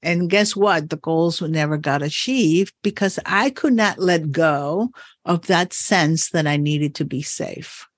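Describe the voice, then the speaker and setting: A woman's voice: sits low, takes it slowly, dry recording. A woman hosting a podcast as a coach, talking thoughtfully and encouragingly with frequent laughs. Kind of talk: reflective podcast conversation.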